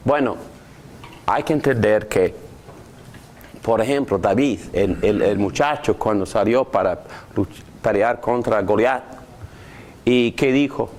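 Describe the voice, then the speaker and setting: A man's voice: on the low side, slow, long pauses, slight background noise. A man teaching a Bible class on prayer, asking his students questions as he goes. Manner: animated, asks the class questions.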